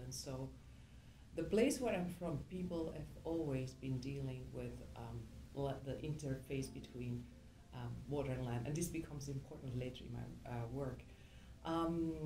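A woman's voice: low-pitched, reverberant, poor audio. A middle-aged woman from Belgium, an engineering professor, answering interview questions thoughtfully with many ums and restarts. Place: indoor room.

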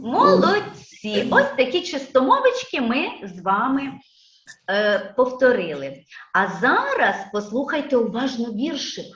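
Woman kindergarten teacher, high and lively sing-song voice, slow coaxing delivery, echoey lo-fi classroom recording. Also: a little hiss or hum. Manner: slow, drawn-out sound drills with children repeating. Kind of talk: phonics lesson for young children. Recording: echoey room, dull lo-fi sound.

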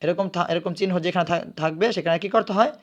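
High-voiced man teaching recitation step by step. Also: muffled recording. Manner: asks questions and answers them himself; breaks words into letters and vowel marks, then chants them slowly. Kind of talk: spelling-out recitation lesson.

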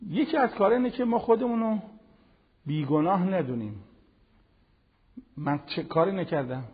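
Husky older man teaching in a hall. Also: high voice, dull audio. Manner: animated, conversational preaching with everyday examples. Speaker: Quran teacher. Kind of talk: televised religious lesson.

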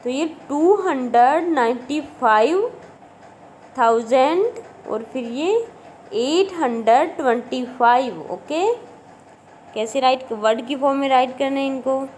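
Patient woman teacher with a Haryanvi Hindi accent, explaining place values slowly, pausing on "okay.". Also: high voice, a little mellow, slight background noise, poor audio. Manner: slow, patient, repeats numbers and "okay" checks. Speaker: school math teacher. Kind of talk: classroom math lesson in Hindi-English mix.

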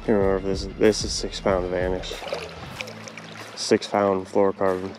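A young fishing vlogger films himself on a riverbank with a head-mounted action camera, keeping up a casual running commentary. His voice is low and moderately paced, and he gets excited over catches, swearing when fish strike. Music plays under his voice.

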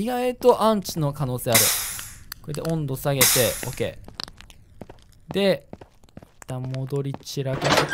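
A man's voice: fairly high pitch, noisy background. A young man chatting casually and reacting jumpily as he plays a horror game, with game music behind.

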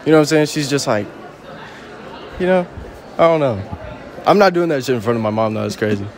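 A young man in his early twenties, with a mid-pitched voice, answers questions out on a city street. He talks in a relaxed, frank way and rambles in casual slang. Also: brisk, some chatter behind. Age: young adult. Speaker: passer-by being interviewed.

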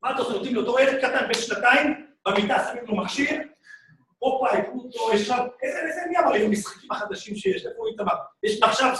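A man teaching a lively, joking Torah class as a rabbi, often shouting out exclamations. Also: extremely high pitch, slight background noise. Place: synagogue hall. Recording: echoey room, speaker far from mic.

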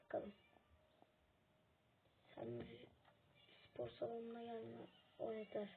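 Female gaming host, casual commentary with sudden excited yelling, slightly high voice, lo-fi phone-line sound. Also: slow pace, creaky. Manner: chatty, bursts into urgent excited shouting. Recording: tinny phone-like audio.

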